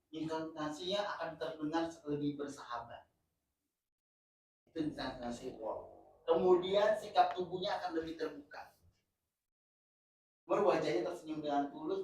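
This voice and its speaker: A man teaching a communication workshop, lively and joking, switching between casual slang and formal teaching. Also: on the high side. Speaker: communication trainer. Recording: echoey room, mic far off, faint noise.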